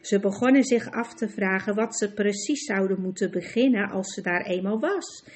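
A woman narrating a chapter of a storybook in a calm, even way. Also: mid-range voice, normal speed. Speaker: audiobook narrator.

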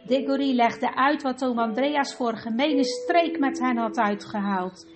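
Woman calmly reading a children's story. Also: high-pitched, a little slow. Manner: calm, gentle storytelling. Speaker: narrator. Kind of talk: audiobook narration of a children's story. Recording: music playing behind the voice. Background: music.

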